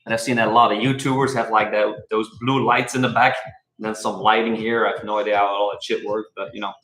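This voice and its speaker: A man's voice: fairly low pitch, little pitch movement, fast talker, fairly bright tone. Rambling man live-streaming from an echoey room. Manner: rambling, chuckling, many fillers. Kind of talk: casual live-stream chat. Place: room at home. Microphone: webcam. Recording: echoey room with faint music. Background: faint music.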